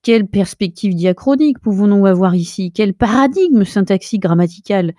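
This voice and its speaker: A woman's voice: mid-range voice, animated, normal speed, dark tone, no room sound, clean studio sound. A woman giving a pompous mock-academic lecture, piling up lofty jargon and getting carried away. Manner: lecturing the viewer directly. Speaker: self-styled linguistics researcher. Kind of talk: mock-academic comic monologue.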